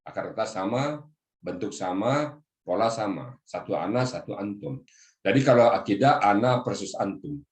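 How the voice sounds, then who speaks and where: This religious teacher's lowish voice is expressive and moderately paced, recorded with a roomy sound on a video call. He explains the grammar of Quranic verses word by word to a group, regularly addressing them as "Pak."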